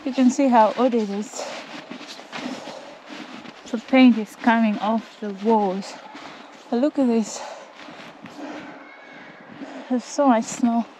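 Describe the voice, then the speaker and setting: A woman from Malawi chatting casually in a vlog as she walks through deep snow around a countryside cabin, filming on a phone. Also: slow pace, long pauses, warm tone, slight background noise, rough recording. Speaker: vlogger.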